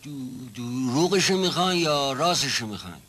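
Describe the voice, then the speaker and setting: Stammering servant Mash Qasem. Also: male voice, mid-range voice, lively intonation, fairly bright tone. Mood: nervous. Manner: stammering, evasive, repeats himself. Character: timid, rambling old male household servant. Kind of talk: 1970s television drama acting.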